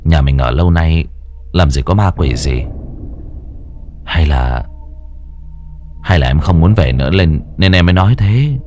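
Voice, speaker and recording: A man voicing an impatient husband in an audiobook, talking in a brusque, hurried, dismissive way. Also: a bass voice, expressive, darkish tone, soft background music. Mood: irritated. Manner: brusque, hurried, stammering scolding.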